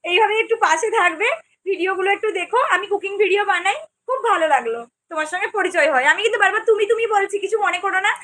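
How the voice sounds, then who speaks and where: A woman's voice: extremely high pitch, fast talker, pushed and bright. A young woman from Medinipur who hosts a cooking channel, chatting casually on a livestream, reading out viewer comments and answering each viewer by name. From Medinipur, West Bengal, India.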